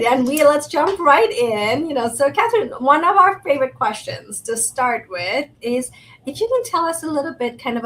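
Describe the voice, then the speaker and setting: Brief: woman from Thailand, upbeat interview co-host, higher voice, remote call with faint hiss. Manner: upbeat, warm, frequent "you know". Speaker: podcast co-host. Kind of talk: hosted interview conversation. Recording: remote video call, faint background noise.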